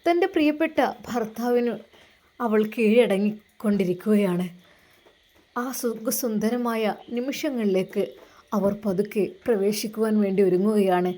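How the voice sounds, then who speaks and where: A woman telling a story in a dramatic narration style, emphatic and full of drawn-out pauses. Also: medium pitch, lively intonation, darkish tone.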